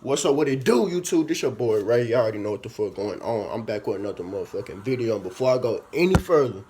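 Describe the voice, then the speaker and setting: Young man, casual vlog host, relaxed slangy chat, steady mid voice, music in the background. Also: medium pitch, fast talker. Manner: laid-back, slangy, fills with "you know what I'm saying". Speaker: YouTuber host.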